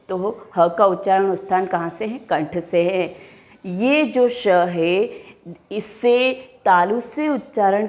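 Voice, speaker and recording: A woman teacher with a Hindi accent, talking in an unhurried, measured way and pronouncing every sound with care. She keeps putting questions to her class and answering them herself, in a voice of middling pitch. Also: a little mellow. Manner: slow, deliberate, enunciating each sound and posing questions to pupils. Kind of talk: classroom lesson.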